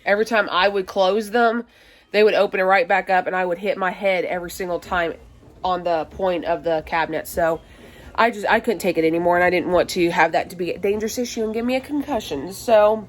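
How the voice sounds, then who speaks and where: Rambling, chatty young mom vlogger. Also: female voice, medium pitch. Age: 20s. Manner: rambling, many fillers and restarts. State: out of breath, allergies. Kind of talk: casual chatty vlog. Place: small cluttered home, indoors.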